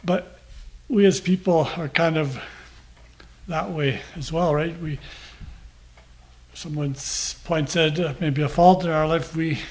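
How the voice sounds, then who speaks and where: An older man delivers a sermon with a fairly high-pitched voice. He reads scripture slowly and deliberately, then talks it through in a plain, unhurried way with pauses between phrases. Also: fairly even intonation. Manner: slow, measured reading with pauses. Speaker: preacher.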